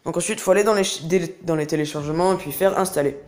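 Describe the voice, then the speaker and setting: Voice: medium pitch, fast. Chatty young tutorial host. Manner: chatty, rambling, filled with hesitations. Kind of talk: casual screen-recording tutorial.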